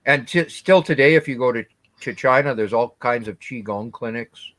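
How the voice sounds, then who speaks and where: A man's voice: mid-range voice, normal speed, a bit bright. A man chatting casually as a panelist in a live discussion. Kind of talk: casual chat.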